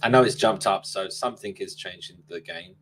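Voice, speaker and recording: A man with a somewhat low voice hosts a casual live coding stream, stopping and restarting with plenty of fillers. His computer mic runs uneven auto gain, so his level lurches up and down. A faint noise floor swells in each gap between phrases. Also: fairly bright tone, rough recording. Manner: halting, with many fillers and repeated words. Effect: uneven auto gain, level jumps up and down and noise swells between phrases. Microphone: computer mic on a browser streaming setup.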